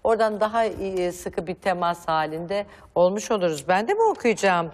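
A stage actress chatting as a guest on a talk show, lively and joking. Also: female voice, on the low side, normal speed, in a large hall. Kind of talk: casual TV talk.

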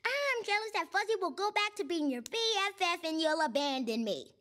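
A woman's voice: high-pitched, expressive, moderate pace, fairly bright tone. A woman voicing a sweet young boy fish in a cartoon, sulking and sarcastic. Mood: sulky. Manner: sulky, sarcastic.

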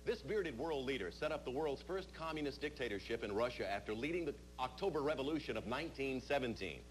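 A man's voice: medium pitch, expressive, fast. A middle-aged man hosting a television quiz show, reading out questions to contestants in a studio. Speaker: game show host. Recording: noisy vintage TV tape.

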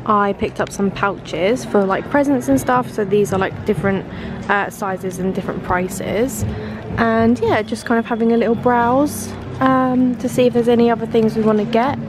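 A woman's voice: fairly high pitch, fairly even intonation, normal speed. A young woman, chatting casually as she films her travel vlog with many fillers. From England. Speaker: travel vlogger. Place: busy outdoor night market. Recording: loud music behind, outdoors.

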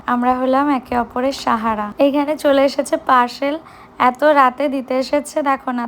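A woman's voice: on the high side, slight background noise. Chatty young woman vlogging at home. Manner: chatty, addresses viewers directly. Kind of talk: casual vlog narration. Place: home kitchen and outings.

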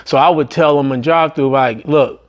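A middle-aged man casually telling stories about managing a busy restaurant, rambling and tagging his sentences with "man" and "right?". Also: fairly quick. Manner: loose, rambling delivery with frequent "man" and "right?" tags; slips into high, strained voices when quoting others. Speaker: business vlogger and former restaurant manager. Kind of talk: casual storytelling monologue.

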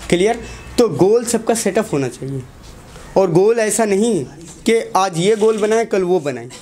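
A man's voice: high-pitched, animated, unhurried, mellow, a little hiss or hum. A young man, a teacher giving a motivational talk to students in a classroom, asking the class short questions and repeating key lines.

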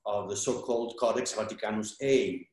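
Low male panelist, roomy video-call sound, connection breaking up. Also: darkish tone. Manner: halting, with many restarts and fillers. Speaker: panel speaker, historian. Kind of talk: academic webinar talk over video call.

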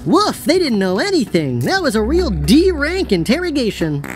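A woman's voice: high voice, huge pitch swings, moderate pace, faint music behind. A woman voicing a perky female AI detective device, sing-song and upbeat, in video game dialogue.

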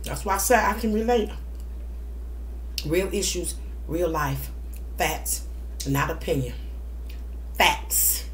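A woman's voice: on the low side, expressive, takes it slowly, pauses often, slight background noise. A middle-aged woman giving testimonial vlog talk in a preacher-like, emphatic way, repeating short phrases. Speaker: mukbang vlogger. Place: small indoor room at home.

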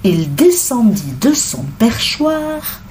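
Woman narrator, children's storybook read-aloud, lively sing-song intonation, slow pace. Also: fairly high pitch, a little hiss or hum. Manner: expressive, unhurried, sing-song.

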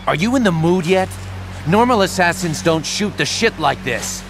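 A man's voice: high-pitched, lively intonation, moderate pace, creaky, exaggerated voice. An actor playing a cocky, laid-back young male assassin who taunts his foes in a game. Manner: swaggering, taunting. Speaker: assassin hero. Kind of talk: video game voice acting. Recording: game audio with loud music.

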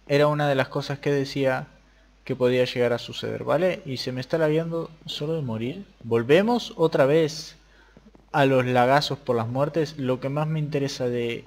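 A young Argentine man talking casually over a modded Minecraft game, jumping between quiet mutters and excited yelps. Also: mid-range voice. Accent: Argentine Spanish. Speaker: gaming youtuber. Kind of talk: casual Minecraft let's play commentary.

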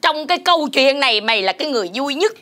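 A wailing, fussy mother-in-law in a comic folk-opera sketch. Her voice sits very high and bright as she scolds. Folk music plays behind her when she sings. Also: animated, rapid-fire, slight background noise. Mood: scolding. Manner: scolding, melodramatic. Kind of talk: comic folk-opera acting, spoken and sung.

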